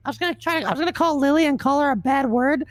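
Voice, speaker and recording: A woman's voice: sits high, racing, no room sound, studio quality. A woman in an in-character roleplay chat, talking hesitantly and second-guessing herself.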